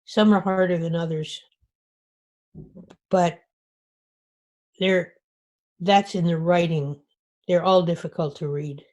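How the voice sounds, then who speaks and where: A woman's voice: on the low side, steady tone, slow pace, long pauses, darkish tone. A woman author giving an informal talk to a writers group, speaking conversationally with frequent restarts. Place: meeting room.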